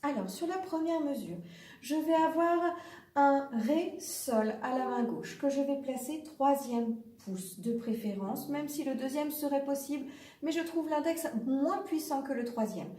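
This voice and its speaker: A woman's voice: high voice, unhurried, mellow, echoey room, recorded from a distance. A woman giving a patient, step-by-step piano lesson, counting the beats aloud as she plays. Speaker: piano teacher.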